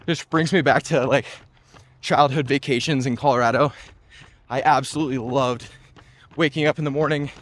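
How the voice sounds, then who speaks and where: A young man in his twenties, chatting casually and upbeat while running outdoors and sometimes getting out of breath. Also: mid-range voice. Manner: upbeat, chatty, lots of "like" and "just". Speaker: running vlogger. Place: outdoors on a trail.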